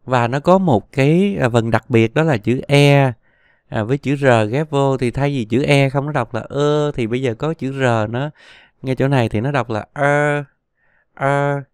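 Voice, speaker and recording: Giọng nam miền Nam, giảng phát âm chậm rãi, kiên nhẫn, giọng trong, thu âm khô và gần. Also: male voice, medium pitch, normal speed, darkish tone, clear, resonant tone, dry recording, clean studio sound. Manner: patient, drills each sound twice. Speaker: Chinese pronunciation teacher. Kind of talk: slow, repetitive language lesson.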